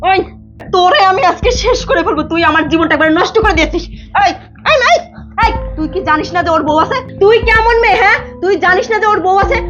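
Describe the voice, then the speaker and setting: A young woman acting a wife in a domestic drama, questioning and then shouting in fury. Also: very high voice, dull audio.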